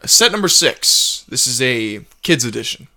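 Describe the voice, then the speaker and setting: A man's voice: mid-range voice, sing-song, measured pace, pushed and bright. A young man hosting a podcast in casual chat, easygoing and affirming, laughing along with his guest. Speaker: podcast host.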